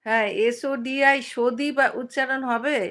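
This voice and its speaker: A middle-aged woman from West Bengal hosting a casual live stream. She chats with viewers, uses many fillers and pauses often to read out their comments. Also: high-pitched, steady tone, fairly bright tone.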